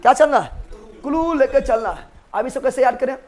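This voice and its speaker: Male teacher, very high voice, playful, repetitive questioning, live online class. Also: expressive, brisk, a little mellow. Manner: playful, joking, repeats questions to students. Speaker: exam coaching teacher.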